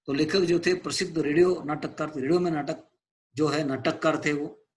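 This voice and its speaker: A man's voice: fairly high pitch, fairly even intonation, normal speed. A male teacher retelling and explaining a play's stage directions, glossing hard words in English. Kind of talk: explaining a play to a class.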